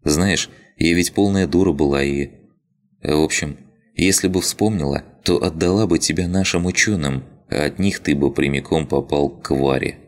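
A man's voice: a bass voice, normal speed. A man voicing a tired young woman who sounds resigned and wryly sad. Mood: weary. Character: weary young woman awaiting her fate.

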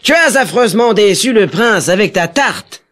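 A man's voice: high-pitched, normal speed, pitched above the performer's own voice, close to an everyday voice. A man voicing a stern, irritable duke in a children's story, speaking in a scolding tone.

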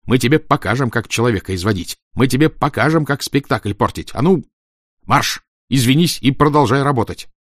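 Casting: gruff bossy teen stage manager, growls orders, storybook voice read by a man. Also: mid-range voice, very animated, fast, no room sound, studio quality, voice pushed up. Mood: scolding.

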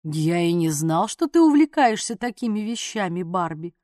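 Woman doing a proud, injured young guy, low and strained, dry close sound. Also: sing-song, moderate pace, a little mellow, no echo. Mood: mocking. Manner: strained, muttered, dry mocking. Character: wounded stubborn young man, gruff and proud.

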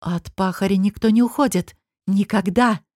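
A woman voicing a scheming young beauty who talks in a sweet, teasing way that turns sharp. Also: mid-range voice, moderate pace, dry recording, clean studio sound, lightly acted. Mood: sharp alarmed.

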